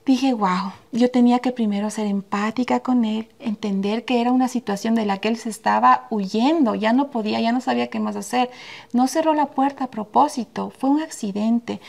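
Podcast co-host, woman, middle-aged, a bit high, gravelly edge, animated storyteller. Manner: animated, acts out quoted dialogue. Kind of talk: casual conversational storytelling.

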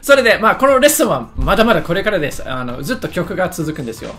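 A man's voice: high-pitched, very animated, racing, a bit bright, faint music behind. A man giving casual, joking commentary on a lesson video, often stumbling over his words and making fun of himself. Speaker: YouTuber reacting to a lesson video.

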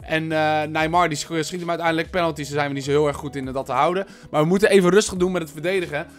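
A young man from the Netherlands giving casual commentary over his own football gameplay. He chats to his viewers and breaks into shouts at big moments. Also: a little high, fairly even intonation, very fast, faint music behind. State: headache. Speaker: gaming video host.

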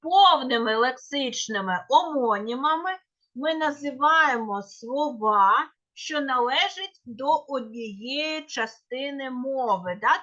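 A woman's voice: high voice, a bit bright. A woman teaching a grammar lesson, explaining carefully and correcting herself now and then. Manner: careful, with small self-corrections. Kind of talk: lecture on grammar. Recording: dull lo-fi recording.

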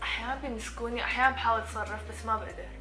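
A woman's voice: a little high, steady tone, very fast, bright, forceful tone. A young woman of sixteen with a Levantine Arabic accent, chatting casually as a vlog co-host. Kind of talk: casual chat. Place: living room couch, indoors. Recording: echoey room with music.

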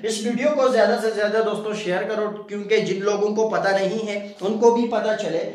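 Guy teaching english, pretty high voice, keeps saying theek hai, super echoey room. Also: a little fast, darkish tone. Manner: repeats "theek hai" as a verbal tic, asks the viewer rhetorical questions. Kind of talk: casual video lesson.

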